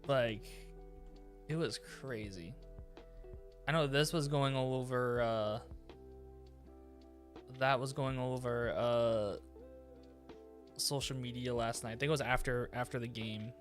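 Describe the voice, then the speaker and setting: A man's voice: medium pitch, fairly even intonation, a little slow, pauses often. Rambling man streaming, music underneath. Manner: rambling, lots of fillers and restarts. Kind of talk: casual live-stream chat.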